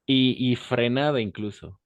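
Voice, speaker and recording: A man's voice: medium pitch, a little slow, no echo. A man who speaks Spanish natively teaches French pronunciation to Spanish speakers, patiently repeating words and checking in with his students. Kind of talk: online language lesson.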